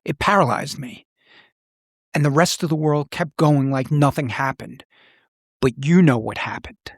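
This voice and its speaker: Speaking at a measured pace in a voice on the high side, a middle-aged man tells personal stories as a podcast host. The former police officer keeps his conversation serious, plain-spoken and reflective. The studio-quality recording has no room sound.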